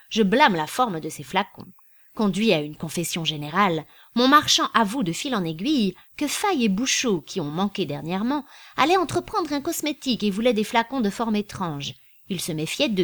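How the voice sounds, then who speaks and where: A woman's voice: mid-range voice, natural voice. A woman voicing an earnest young male clerk, eagerly recounting his deal. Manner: eager, storytelling.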